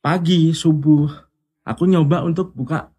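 Husky man telling a story casually. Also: a little high, a little slow. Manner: animated, acts out quoted voices. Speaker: interview guest.

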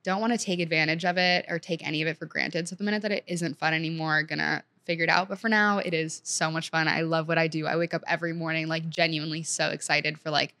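Chatty young woman with a low voice. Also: steady tone, quick pace, few pauses, bright, forceful tone. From Senegal. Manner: chatty, upbeat, heavy use of "like". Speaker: guest, content creator. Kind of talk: casual chat.

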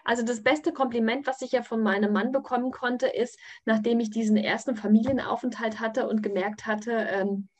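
A woman with a slightly husky, breathy voice tells a personal story in an unpolished, conversational way. She hesitates a lot, fills gaps with small sounds and often restarts her sentences mid-thought. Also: fairly high pitch, fairly even intonation, moderate pace, few pauses, darkish tone. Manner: hesitant, many fillers and restarts. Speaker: course participant.

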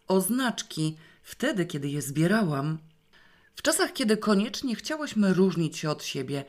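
A woman reading a first-person novel aloud in a wry, lively storytelling manner. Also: fairly low pitch. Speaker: audiobook reader. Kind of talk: first-person literary narration.

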